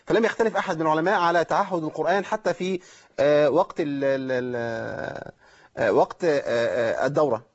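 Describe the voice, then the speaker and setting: A fast-talking Egyptian man teaches Quran recitation on a call-in show, breaking each rule into small steps and checking in with listeners. His voice sits fairly high for a man, and the broadcast audio sounds muffled and lo-fi. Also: animated, slightly rough. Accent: Egyptian Arabic. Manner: explains step by step, checks in with listeners. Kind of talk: call-in tajweed lesson.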